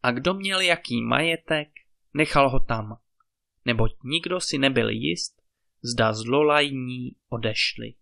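A man reading a fairy tale aloud as a storyteller, in calm, measured narration. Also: mid-range voice, vocal fry.

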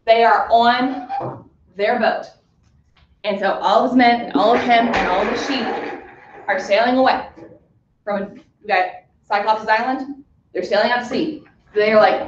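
A woman's voice: medium pitch, slight background noise. A woman teacher casually explaining a story to her class, chatty with many fillers, in an echoey, muffled recording. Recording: echoey room, muffled sound.

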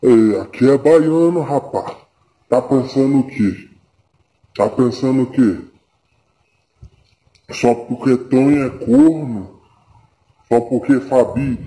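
A man's voice: medium pitch, mellow, rough recording. A man from Bahia, Brazil, delivering a boastful, taunting rant to the camera and repeating his lines over and over. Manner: taunting, repeats himself, drawn-out slow delivery. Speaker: vlogger.

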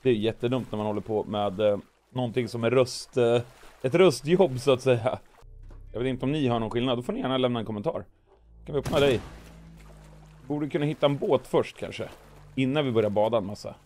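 Hoarse after weeks of coughing, a gaming video host narrates his moves with comic sound effects in playful commentary. His pitch is medium and slightly mellow, and he pauses often.

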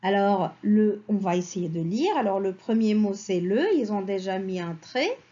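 A woman teacher slowly reading words and syllables aloud for young children. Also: mid-range voice, lively intonation, dark tone, dull audio. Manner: slow, syllable-by-syllable, sing-song teacher voice.

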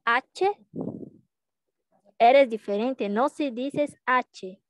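A young woman with a Brazilian Portuguese accent teaching a Portuguese lesson in Spanish, drawing out each letter sound slowly. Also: on the high side, expressive, no echo. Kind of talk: slow language lesson.

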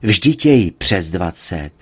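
A man voicing a calm middle-aged wife who gently placates her husband. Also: deep voice, slightly rough, heavily acted. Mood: placating.

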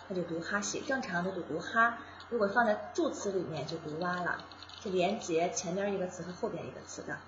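A woman teaches beginners in a casual, patient way, taking each step slowly and repeating sounds aloud. Her voice is bright and forward. The recording sounds roomy and a little dull. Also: medium pitch, a little hiss or hum. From China. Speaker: Japanese language teacher.

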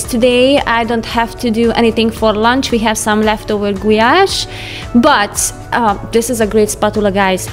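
Woman narrating her home routine, highish voice, soft music behind. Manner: chatty, light laughs, non-native phrasing. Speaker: home vlogger. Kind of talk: casual voice-over narration. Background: soft background music.

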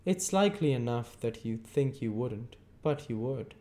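In this lecturing turn, the reader's stern middle-aged lawyer, a storybook figure who always knows better, grills every question like a cross-examination. Pushed up well above the man's own voice yet close to an everyday one, it's loud, insistent, clipped and emphatic over a mellow darker base, with medium pitch, animated delivery and a measured pace.

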